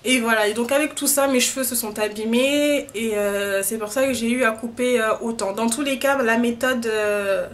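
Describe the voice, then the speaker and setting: A woman's voice: a little high, moderate pace, few pauses. A young woman talking casually to camera about her hair routine, chatty and full of hesitations and filler sounds. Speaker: beauty vlogger. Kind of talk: casual hair-care vlog.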